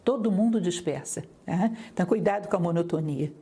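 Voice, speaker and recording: A woman lecturer teaching public speaking, talking straight to her listeners with lively, varied intonation. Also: fairly low pitch, a little fast. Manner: didactic, lively intonation, addresses listeners directly.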